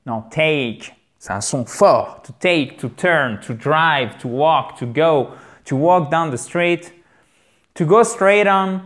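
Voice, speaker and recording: A man teaching a relaxed online lesson, checking in often with a quick "ok?" and repeating key words slowly for drill. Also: a little high. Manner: frequent "ok?" check-ins. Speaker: English teacher.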